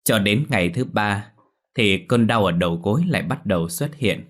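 A man narrating a dramatic story in a steady, measured way. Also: fairly low pitch.

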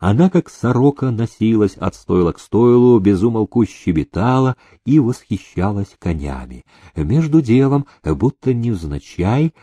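A man reads a historical novel aloud, slow and measured, with a low, dark voice. His intonation moves widely and expressively. The recording is dry and close, made at a studio mic. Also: breathy edge, no room sound. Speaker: audiobook narrator. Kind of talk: scripted narration of a historical novel.

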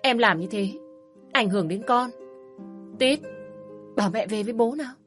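A woman reading as a smug, pushy ex-husband, mocking and overly familiar. He talks a little higher and louder than the reader's usual voice, wheedling in a storybook narration. Faint music plays softly underneath. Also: normal speed, natural voice. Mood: placating.

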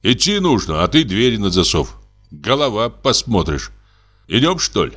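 Man doing a rough bold hunter, commanding, urgent, lively delivery. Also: fairly low pitch, normal speed, soft background music. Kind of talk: audiobook character reading.

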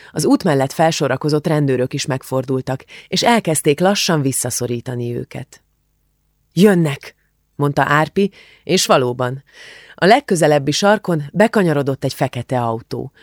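A man narrates an audiobook in a measured, expressive storytelling manner, with a voice of middling pitch. The recording is dry and close-miked, with no room echo. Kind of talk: scripted narration.

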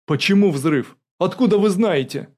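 A man's voice: mid-range voice, a little slow, a little mellow, voice pushed up. A man voicing a flustered male duty officer who protests in alarm. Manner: startled, protesting.

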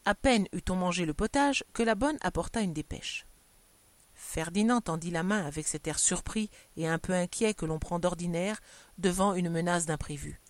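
A woman's voice: on the low side, moderate pace, no room sound. Woman reading a story, dry close sound. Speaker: narrator. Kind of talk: audiobook reading of a short story.

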